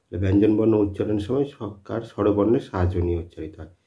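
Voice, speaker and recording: A man's voice: on the low side, very fast. A man teaching a spoken lesson, who repeats his points and answers his own questions. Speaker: English teacher. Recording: dull lo-fi sound.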